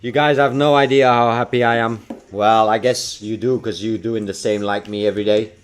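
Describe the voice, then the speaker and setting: Soft music plays under a lowish male voice with fairly even intonation at a normal speed. The speaker, a Belgian livestreamer with a UK, New Zealand and American accent mix, works at his home desk and chats brightly with his audience despite being tired from a sleepless night.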